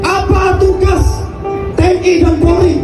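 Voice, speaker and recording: A man from Kalimantan, Indonesia, giving fiery revolutionary oratory as a protest leader, impassioned and forceful, throwing rhetorical questions at the crowd. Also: extremely high pitch, level tone, measured pace, recorded from a distance. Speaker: protest leader, activist speaker. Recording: echoey loudspeaker from afar, loud music, crowd. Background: loud music and crowd noise.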